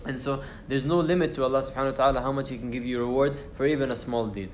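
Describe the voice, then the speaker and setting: Very fast and steady in tone, a young man's mid-range voice fills a university lecture room as he teaches the Quran informally. Fillers and restarts mark his casual talk, and he recites Arabic verses. The room sounds roomy, with some hiss or hum.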